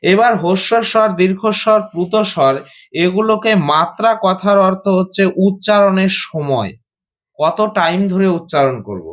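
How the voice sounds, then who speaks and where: Male teacher, high voice, patient explainer who drills and quizzes students. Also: lively intonation, moderate pace. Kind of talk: Sanskrit grammar lesson.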